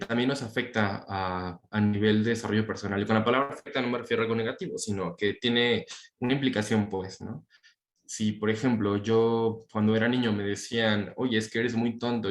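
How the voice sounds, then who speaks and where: A man's voice: on the low side, fairly even intonation, brisk, roomy sound. Chatty young man lecturing. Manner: conversational, many fillers and tag questions. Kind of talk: university talk on inclusive language.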